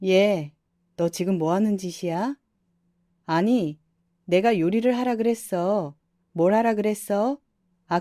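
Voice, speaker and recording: A woman voicing an indignant older mother-in-law who scolds with shrill exclaiming outbursts. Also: dark tone, no room sound, studio quality, lightly acted. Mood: angry.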